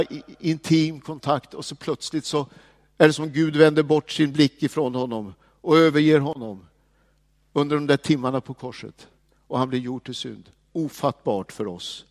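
A man delivers a sermon in a fairly high voice, moving between quiet, drawn-out passages and ringing proclamations. His voice carries a long reverb, as if in a large church hall. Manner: swings from hushed to proclaiming. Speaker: preacher.

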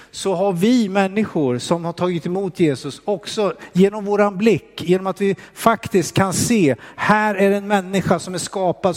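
A man's voice: high-pitched, big-room sound. A man preaching a sermon in a hesitant, pastoral manner.

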